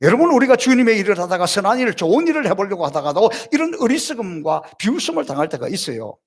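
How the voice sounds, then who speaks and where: A middle-aged pastor preaches a Sunday sermon in a high voice. His pitch leaps and falls widely as he stacks repeated phrases. He presses his points with rhetorical questions. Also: big pitch swings, fast talker. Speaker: senior pastor.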